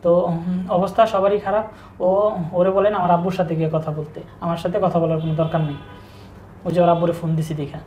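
A young man with speech, telling his own story in a halting, subdued way with frequent restarts. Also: fairly high pitch, flat delivery, warm tone. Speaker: interview guest telling his breakup story. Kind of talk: casual personal storytelling. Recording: echoey room with faint background noise.

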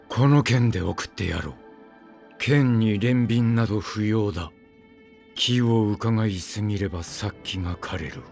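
This is a full character voice: a man performing game lines as a weary, brooding immortal swordsman. Vocal fry colors his low, curt, grim delivery of short, clipped phrases.

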